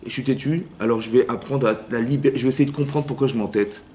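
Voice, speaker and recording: Lively rabbi teaching a class. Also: male voice, medium pitch, fast talker, a little hiss or hum. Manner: lively, acts out inner voices, keeps asking "vous avez compris?". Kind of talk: Torah lesson.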